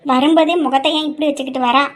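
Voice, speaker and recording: A woman voicing a sharp-tongued middle-aged mother who scolds and jabs sarcastically, in an audio drama. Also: high voice, steady tone, quick pace, over music, natural voice. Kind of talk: amateur audio drama acting.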